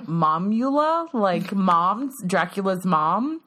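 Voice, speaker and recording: A woman's voice: medium pitch, sing-song, slow pace, a bit bright. A woman in her thirties co-hosting a podcast in casual chat, laughing often and slipping into playful voices. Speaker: podcast co-host.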